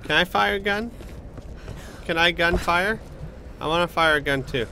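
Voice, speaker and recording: A man with a bright, fairly high voice jokes his way through gameplay commentary. He is sarcastic and playfully childish, and there is faint noise behind him. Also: normal speed. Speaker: let's play host. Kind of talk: joking reactive gameplay commentary.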